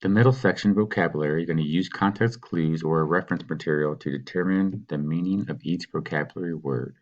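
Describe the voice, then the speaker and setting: A man teaching, patiently talking students through a worksheet and sounding out words slowly. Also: low-pitched, darkish tone, lo-fi sound. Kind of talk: recorded classroom walkthrough.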